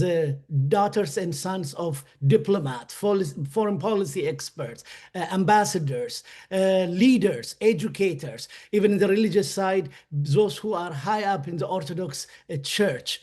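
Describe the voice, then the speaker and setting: A man's voice: high-pitched, darkish tone. A man from Ethiopia, a guest on a webinar interview, telling his story earnestly, with many fillers and restarts.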